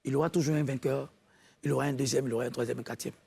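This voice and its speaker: A man giving a measured, halting critique as a talent show juror. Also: mid-range voice, fairly even intonation, gravelly, mellow, breathy edge. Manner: measured, halting, repeats words. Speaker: jury member. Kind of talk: spoken critique of a contestant.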